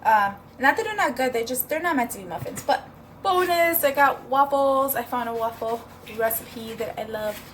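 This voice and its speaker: A woman's voice: sits high, moderate pace, fairly bright tone, slight background noise. A woman chatting casually in a home cooking vlog, upbeat and rambling with fillers, at times talking while she eats. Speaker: vlogger.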